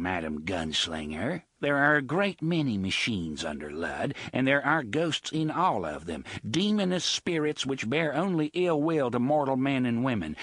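A man voicing an elderly gentleman who speaks in formal, mannered phrases over open contempt. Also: mid-range voice, vocal fry, no room sound, clean studio sound.

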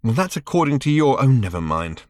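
A man's voice: sing-song, a little fast, a little mellow, no room sound, studio quality, lightly acted. A man voicing Arthur, a weary, sarcastic human man, in an audiobook reading. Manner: shrill, sarcastic outbursts. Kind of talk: audiobook character voice.

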